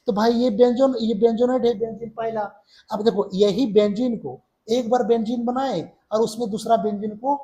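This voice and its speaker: High-voiced male chemistry teacher lecturing. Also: mellow, poor audio. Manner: repeats key terms as questions to students; counts along while drawing on board. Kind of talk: classroom lecture.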